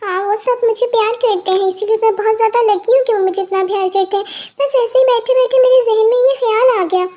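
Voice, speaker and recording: A sulky young woman in a storybook who protests and pleads, read by a woman. The voice is very high and quick. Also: mellow. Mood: sad.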